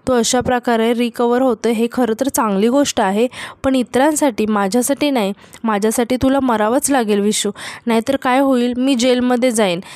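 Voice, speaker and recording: A scheming young wife with a cold, taunting edge that turns to wailing accusation, as a woman recounting a serial reads her lines. The voice sits fairly high and the recording is close and dry. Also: darkish tone, no room sound, close to an everyday voice.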